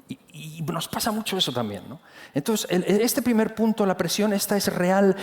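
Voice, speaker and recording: A man's voice: medium pitch, a little mellow. A man preaching a sermon in a church, talking conversationally and often restarting his phrases. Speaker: pastor. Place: church hall.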